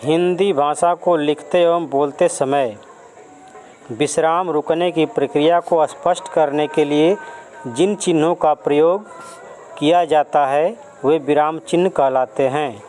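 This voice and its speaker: Slow, careful male Hindi teacher. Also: a little high, fairly even intonation, a little mellow, a little hiss or hum, rough recording. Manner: slow, careful explaining with definitions and examples; addresses pupils directly. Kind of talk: Hindi grammar lesson for schoolchildren.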